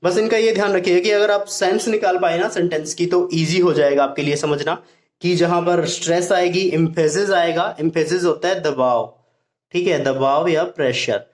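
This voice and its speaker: A man with a slightly raised pitch teaches grammar patiently and repeats his points. He reads the English example sentences slowly and clearly. The sound carries a roomy echo. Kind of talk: Hindi-language grammar lesson. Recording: echoey room.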